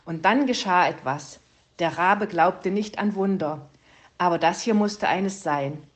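A woman narrating a children's storybook in a calm, even storytelling voice. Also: fairly low pitch, a little slow. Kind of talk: storybook reading.

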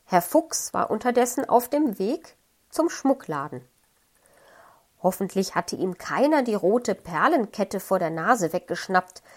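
A woman narrating a children's audiobook in an expressive storytelling voice. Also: mid-range voice. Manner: slow, lively expressive reading.

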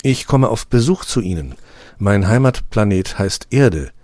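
A man reading an audiobook, voicing a polite male traveler who speaks courteously and comforts gently. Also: on the low side, lively intonation, unhurried, dry recording, studio quality.

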